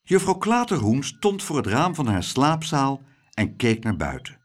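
A man reading a children's storybook aloud in an expressive, animated storytelling way. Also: mid-range voice, unhurried. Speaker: narrator.

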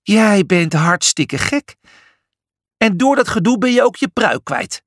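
A man's voice: high voice, big pitch swings, slow pace, a bit bright, no echo, studio quality, voice pushed up, heavily acted. A man voicing an anxious, cautious male zebra who pleads with his brother. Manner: worried and pleading.

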